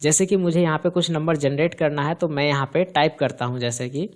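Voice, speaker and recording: A man's voice: fairly high pitch, steady tone, a little fast. A man explaining spreadsheet formulas step by step in a screen-recorded computer lesson, asking questions and answering them himself. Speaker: computer teacher. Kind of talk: screen-recorded software tutorial.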